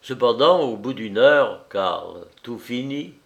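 A man narrating a classic novel in a measured, expressive storytelling voice. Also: medium pitch, vocal fry, dull audio. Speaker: audiobook narrator. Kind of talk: literary reading of a classic novel.

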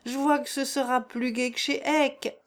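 A woman reading aloud and voicing an excitable, hysterical dead woman with shrill, eager exclamations. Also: normal speed.

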